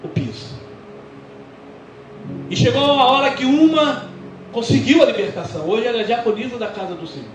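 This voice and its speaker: A Brazilian pastor with a very high voice preaches his testimony in a church at normal speed, pausing often and animatedly acting out quoted dialogue as he tells the story. The church is echoey, with music behind him and slight background noise.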